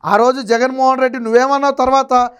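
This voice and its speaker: High-voiced Telugu man, political commentary. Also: level tone, fast talker, a bit bright, smooth. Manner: mocking, rhetorical, quotes others in exaggerated tones. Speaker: political analyst.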